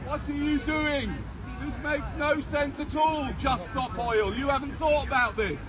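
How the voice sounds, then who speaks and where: A man scolding people out on a street, shouting angrily. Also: very high voice, steady tone, unhurried. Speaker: bystander confronting protesters. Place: outdoor street with traffic. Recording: street crowd with music over it.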